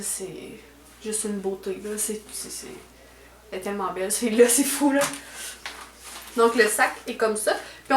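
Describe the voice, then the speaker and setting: A woman's voice: medium pitch, slight background noise. A young woman with a Quebec French accent chatting casually through a beauty unboxing at home, with lots of fillers and trailing "là". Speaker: beauty vlogger. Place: at home indoors. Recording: echoey room.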